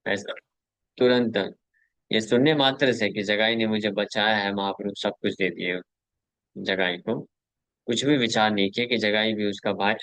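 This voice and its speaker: A man with a low voice leads a devotional scripture class. He tells the stories in a lively way, acts out the characters' words, and chuckles between points. The recording is dry, with no room sound. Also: unhurried, no room sound. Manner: animated storyteller who acts out quotes. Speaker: devotional teacher.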